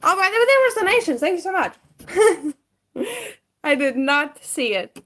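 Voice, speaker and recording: A woman in her twenties, a native Greek speaker, co-hosts a homestead livestream from a rural farmstead, moving from outdoors to indoors. She chats casually and giggles, trailing off mid-sentence, in a very high-pitched, unhurried voice with big pitch swings. Background noise can be heard.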